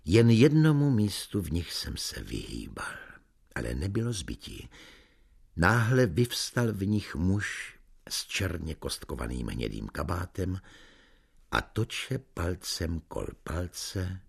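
A man's voice: deep voice, very animated, creaky, breathy edge. A man narrating a comic story in the first person, with a dreamy, theatrical manner. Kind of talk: audiobook reading of a comic story.

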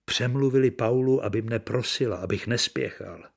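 A man's voice: medium pitch, vocal fry, breathy edge. A man reading the part of a bitter, worn-out actor, brooding and earnest, in an audiobook. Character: bitter, worn-out middle-aged male stage actor.

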